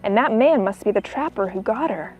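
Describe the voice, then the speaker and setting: A woman's voice: medium pitch, animated, a little fast, a little mellow, lo-fi sound, faint music behind, close to an everyday voice. A woman voicing a kind-hearted young soldier in a storybook, speaking in an earnest, plain way. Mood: thoughtful. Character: kind-hearted young soldier Harry, torn but decisive.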